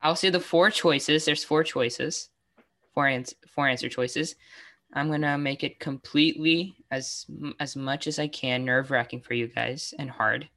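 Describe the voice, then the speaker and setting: A young woman hosts a casual trivia quiz over a video call, her voice rumbling low, a little slow, and fairly bright in tone. She giggles and often stumbles, restarting her sentences.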